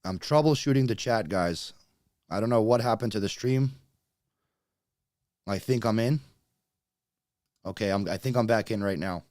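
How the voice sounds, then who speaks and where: While fixing tech issues on his YouTube livestream, a man in his late thirties chats casually with viewers, his slight Russian accent reflecting his Russian birth and first language. He speaks at a moderate pace with frequent pauses in a fairly low, slightly mellow voice, recorded at studio quality without room sound.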